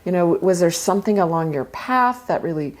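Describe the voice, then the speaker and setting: A woman's voice: fairly low pitch, animated, brisk. A woman hosting an interview with enthusiastic, effusive reactions. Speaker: interview host. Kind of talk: casual interview.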